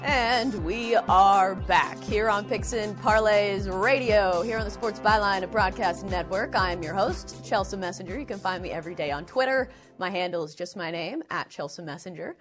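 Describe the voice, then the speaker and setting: Woman hosting sports radio, mid-pitched. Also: normal speed, hardly any pauses, over music. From lived in Florida. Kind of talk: sports betting talk show hosting.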